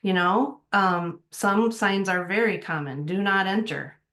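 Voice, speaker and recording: A woman editor giving a casual talk on writing style, relaxed and conversational, thinking aloud as she goes. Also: medium pitch, a little slow. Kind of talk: casual presentation.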